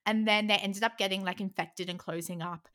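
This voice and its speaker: Playful young woman podcast host, bright voice. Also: mid-range voice, a little fast. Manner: playful, self-mocking, animated anecdotes. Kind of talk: casual podcast storytelling.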